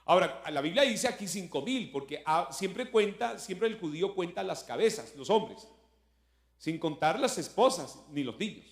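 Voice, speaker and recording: A man's voice: high-pitched, lively intonation, normal speed, echoey room. A male pastor, preaching a sermon in a conversational way, full of rhetorical questions, and rising in force when he quotes scripture. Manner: voice swells when quoting scripture.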